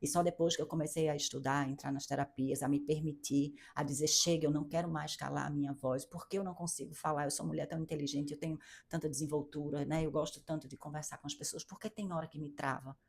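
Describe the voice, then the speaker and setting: A woman's voice: deep voice, fairly even intonation, quick pace, vocal fry, breathy edge. A middle-aged woman with a Brazilian Portuguese accent giving an earnest, emphatic motivational talk to women, repeating phrases and restarting often. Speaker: coach for women.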